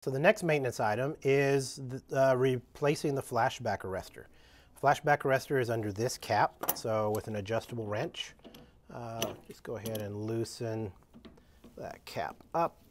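A man walks through a maintenance job at a workbench, explaining each step aloud in a plain, halting way. His voice sits at an ordinary middle pitch, and he fills pauses with "uh" and restarts as he works. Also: a little hiss or hum. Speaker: equipment demonstrator. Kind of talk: unscripted how-to demonstration. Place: indoor workshop with benches.

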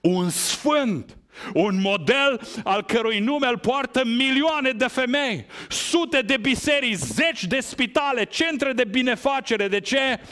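A man preaching a sermon, asking rhetorical questions and stressing his points with big rises and falls in pitch. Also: expressive, fairly bright tone. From Romania. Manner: emphatic, rhetorical questions, wide swings in pitch.

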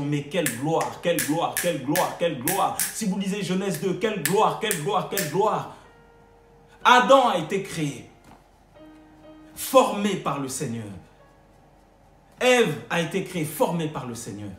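A man's voice: high-pitched, echoey room. A man preaching a sermon with emphatic repeated refrains and frequent hesitations.

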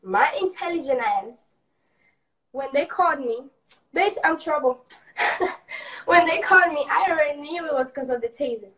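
A high-voiced young woman tells a story on a livestream, brash and full of swearing. The sound is a little distant from the mic, like a phone set back from her. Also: moderate pace, pauses often, slight background noise. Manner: brash, profane, animated storytelling. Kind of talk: casual storytelling.

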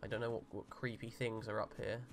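Young man, gamer, excitable and jokey, let's play commentary, faint music behind. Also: on the low side, brisk, vocal fry. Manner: excitable, jokey, yelps and pleads at the game.

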